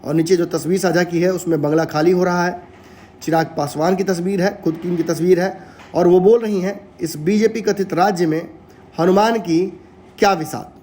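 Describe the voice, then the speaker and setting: A man anchoring a news bulletin, giving measured, emphatic political commentary. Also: high-pitched, steady tone, a little mellow.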